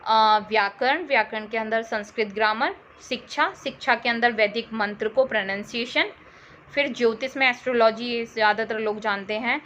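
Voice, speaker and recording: A woman's voice: on the high side, moderate pace, a bit bright. A woman teaching an exam-prep history lesson, who repeats key terms and quizzes her listeners with questions. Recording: slightly dull audio with faint noise.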